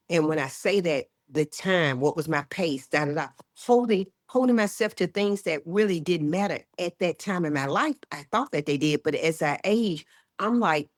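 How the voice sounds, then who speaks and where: Low-voiced emphatic woman in her sixties. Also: no echo, clean studio sound. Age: 60s. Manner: emphatic, lively, often acts out quotes. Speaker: guest, health educator. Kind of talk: casual interview chat.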